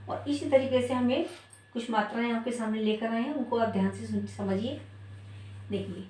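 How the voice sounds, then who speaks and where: A woman teaching a spelling lesson, her fairly high voice explaining each point slowly. She asks the class questions and then answers them herself. She sits back from the mic in a room with a lot of echo. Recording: echoey room, voice from far off.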